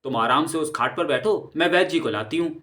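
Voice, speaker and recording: A woman's voice: deep voice, brisk, a bit bright. A man voicing a shrewd, scheming village woman who talks in a sweetly false, coaxing way for a storybook audio drama. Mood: fake concern.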